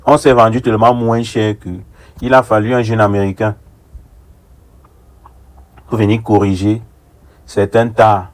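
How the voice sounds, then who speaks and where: A young man from Africa, working as an online commentator, offers an earnest, measured opinion piece and repeats phrases for rhetorical emphasis. His pitch is fairly low and his tone level.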